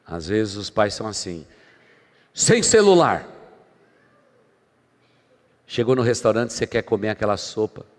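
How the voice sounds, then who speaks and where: A pastor delivers a sermon in a somewhat low voice. He shifts dramatically between loud, emphatic lines and soft, quiet asides. His voice rings with the long reverb of a church hall. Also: fairly even intonation, fairly quick, hardly any pauses. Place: church sanctuary.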